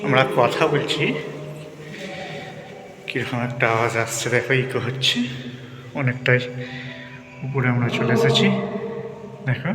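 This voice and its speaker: A man's voice: mid-range voice, unhurried, pauses often, over music. Man talking in an echoing lighthouse stairwell. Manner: describing the view aloud while climbing. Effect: echo in a tall stone stairwell. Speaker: travel vlogger. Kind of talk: casual walking tour commentary.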